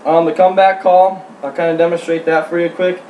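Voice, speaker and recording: A man giving an informal how-to demonstration as a hunting instructor, speaking in a halting, plain-spoken way. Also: on the high side, level tone, dull audio. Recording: roomy, distant mic, faint hum.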